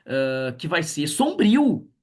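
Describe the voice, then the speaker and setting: A man teaches a literature class in a livestream, with a voice pitched a little high for a man. He talks in an animated way, reads poems aloud with feeling and keeps checking in with his students. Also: takes it slowly. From Brazil.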